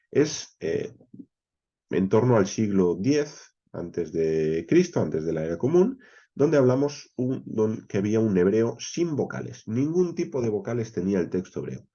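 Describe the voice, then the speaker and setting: Man, Bible class teacher, lively low voice, mellow tone, slightly muffled sound, checks in with listeners. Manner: explains step by step, often checking in with "¿vale?" and "¿bien?"; pauses often with "eh" fillers. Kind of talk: expository Bible class lecture.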